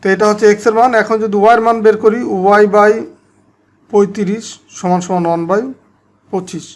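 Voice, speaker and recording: A man's voice: sits high, steady tone, moderate pace. A man teaching a math lesson step by step, speaking directly to his students in Bangladeshi Bengali.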